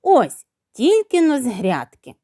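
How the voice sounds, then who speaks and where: A woman's voice: high-pitched, wildly swooping pitch, slow, warm tone, dry recording, clean studio sound, pitched above the performer's own voice, heavily acted. Stern father rooster, as a woman puts him on. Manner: stern, scolding.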